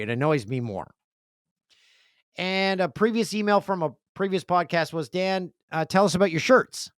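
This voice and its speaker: A man's voice: on the high side, no room sound, studio quality. A man hosting a podcast in casual chat, reading listener emails and telling jokey, rambling stories on a podcast microphone indoors. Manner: jokey, rambling, animated storytelling. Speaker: podcast host. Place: indoor room with a video setup.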